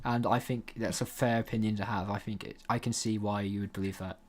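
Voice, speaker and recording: A man's voice: lowish voice, steady tone, fairly quick, slight background noise. A man hosting a livestream in casual group chat. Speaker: livestream host.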